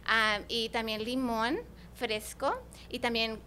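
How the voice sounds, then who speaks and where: Mujer con español de acento estadounidense, voz aguda. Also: female voice, a little high, steady tone, slow, sharp tone, slight background noise. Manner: hesitant, searches for Spanish words, mixes in English. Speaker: placenta encapsulation provider, interview guest. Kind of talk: conversational explanation.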